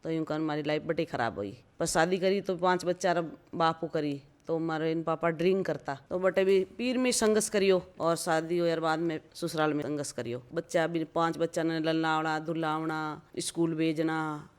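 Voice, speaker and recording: A woman's voice: low-pitched, normal speed, hardly any pauses, clean tone. A woman in her fifties from rural Rajasthan with a Marwari accent, telling her life story plainly as an interview guest, repeating phrases for emphasis. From rural Rajasthan, India. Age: 50s.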